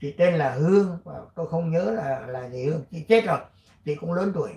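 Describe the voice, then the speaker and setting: An older man from Vietnam hosting his channel, chatting casually and reading an article aloud, rambling with many fillers and frequent throat clearing. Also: fairly high pitch, fairly quick, mellow, echoey room, slight background noise. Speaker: channel host.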